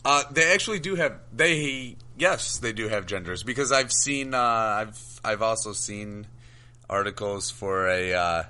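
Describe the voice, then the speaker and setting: Male co-host, casual talk, trips over words, animated and bright in tone. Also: lowish voice. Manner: halting, stumbles over words. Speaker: podcast co-host. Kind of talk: casual banter.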